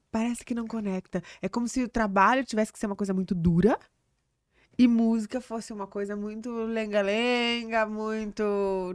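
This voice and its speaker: A woman's voice: mid-range voice, no echo, studio quality. Affirming woman hosting a podcast. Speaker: podcast host. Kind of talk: casual interview chat.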